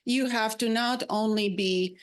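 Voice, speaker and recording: A psychiatrist and faculty member from Slovakia with a Slovak accent, giving a measured presentation to an advisory panel with frequent hesitations and restarts. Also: female voice, a little high.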